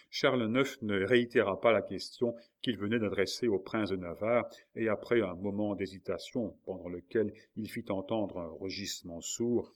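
A man narrating a historical novel in a measured, dramatic reading. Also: on the low side. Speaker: audiobook reader.

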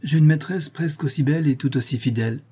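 A man's voice: on the high side, quick pace, mellow, husky, pitched above the performer's own voice. A man doing a smug, gallant marquis. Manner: gallant, self-satisfied. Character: vain, cheerful male marquis, nobleman. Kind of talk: audiobook character reading.

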